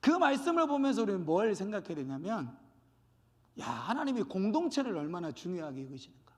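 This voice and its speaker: A male pastor preaching a sermon, animated and acting out quoted dialogue. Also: sits high, in a large hall. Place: church sanctuary.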